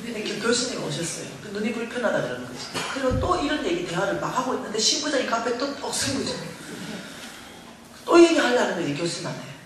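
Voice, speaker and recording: A middle-aged woman speaking at a revival meeting, telling her story in an animated way and acting out the voices in it. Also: mid-range voice, quick pace, few pauses, background noise. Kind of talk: testimony sermon. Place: large church hall. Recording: echoey hall recording from far off.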